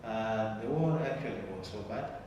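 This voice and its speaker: A young man from South Sudan speaks in a fairly low voice with earnest, deliberate pacing, sometimes repeating words. He sounds far from the microphone in a very echoey room, with a steady background hum. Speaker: interviewee. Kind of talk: interview, personal story.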